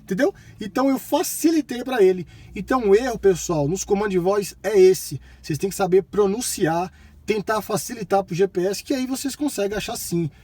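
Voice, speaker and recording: High, husky Brazilian man explaining casually. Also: a little fast, a little mellow, dry recording. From Bahia, Brazil. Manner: colloquial, repeats himself, addresses viewers with check-in tags. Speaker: tutorial presenter. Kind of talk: casual tutorial chat.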